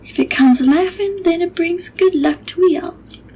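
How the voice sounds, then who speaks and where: A frightened old cook who wails her warnings high and slow, as a woman puts her on. The voice sits up high, stretched out and dramatic, heavy with superstition. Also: warm tone, poor audio. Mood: ominous.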